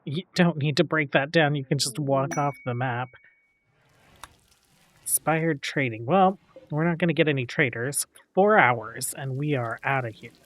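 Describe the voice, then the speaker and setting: A man hosting a let's play, calmly thinking aloud with frequent fillers as he plays a strategy game. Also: medium pitch, measured pace. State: hiccups. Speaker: gaming channel host.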